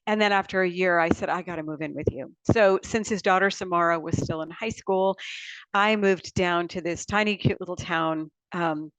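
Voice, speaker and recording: A woman's voice: fairly low pitch, fairly even intonation, normal speed, a bit bright, smooth, no room sound, poor audio. A middle-aged woman telling rambling, chatty stories as a guest in a casual interview. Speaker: guest author. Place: small backyard writing shed, indoors.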